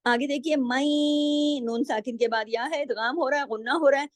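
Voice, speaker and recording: A woman teaching the rules of Quran recitation, patiently explaining step by step and slowly drawing out example words. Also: sits high, fairly even intonation, no room sound. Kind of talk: tajweed lesson with slow drawn-out example recitation.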